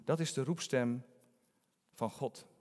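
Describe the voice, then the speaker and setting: A man's voice: medium pitch, slow. Conversational male preacher in a reverberant hall. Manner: conversational, animated storytelling. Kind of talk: sermon.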